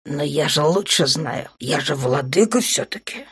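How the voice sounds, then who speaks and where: Brief: female reader voicing a soft-spoken, teasing male dark lord, low and hushed, audiobook. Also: animated, measured pace, slightly rough, exaggerated voice. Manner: low, soft and purring, often near a whisper. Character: smug, teasing dark male lord, wounded but playful.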